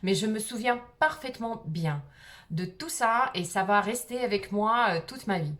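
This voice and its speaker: A woman's voice: medium pitch, expressive, normal speed, fairly bright tone. A middle-aged woman from Russia with a slight Russian accent, telling a personal story to camera in a hesitant way with many fillers. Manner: hesitant, frequent "euh" fillers. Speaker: vlogger.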